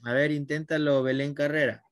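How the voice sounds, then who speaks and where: A man's voice: a little high, steady tone, fairly quick, no room sound, studio quality. A man teaching a language class online, patiently guiding his students by name.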